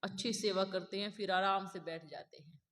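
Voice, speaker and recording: Woman preaching, bright sharp voice, keeps asking the crowd questions, big echoey hall. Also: medium pitch, steady tone, moderate pace. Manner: asks the listeners rhetorical questions; acts out others' boastful voices. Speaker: spiritual speaker. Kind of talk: sermon. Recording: long hall reverb.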